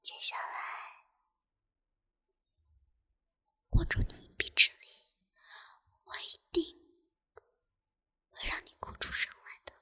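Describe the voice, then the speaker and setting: A young woman plays a cruel, taunting tormentor in an intimate audio roleplay, her high voice exaggerated, her words drawn out and broken by long pauses. She teases and mocks, often sinking into a whisper, with soft laughs between taunts.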